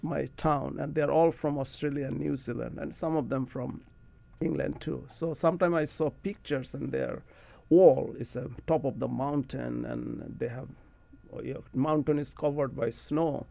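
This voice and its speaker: A middle-aged man from Bangladesh with a Bangladeshi accent, a guest in a radio studio interview, telling rambling, relaxed stories and often laughing. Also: medium pitch, moderate pace, vocal fry, no echo. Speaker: guest academic. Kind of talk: casual interview talk.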